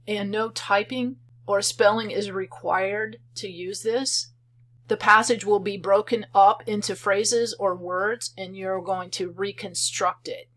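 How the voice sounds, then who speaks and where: A woman narrates a screen-recorded tutorial for a program she built. Her voice sits in an ordinary middle pitch. She talks calmly and methodically, explaining each step in turn. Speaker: software creator demonstrating her program.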